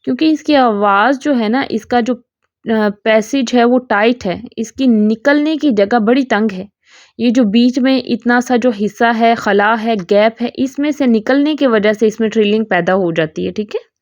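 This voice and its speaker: A woman's voice: a little high, a little mellow, dry recording, lo-fi sound. A woman teaching a Quran recitation lesson, explaining patiently and checking in often. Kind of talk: online tajweed lesson.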